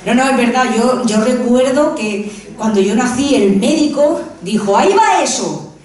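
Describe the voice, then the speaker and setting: A woman's voice: a little high, unhurried, darkish tone, a little hiss or hum. A woman performing a self-mocking stand-up comedy monologue on a live stage, with punchy joke delivery. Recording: very echoey room, voice from far off.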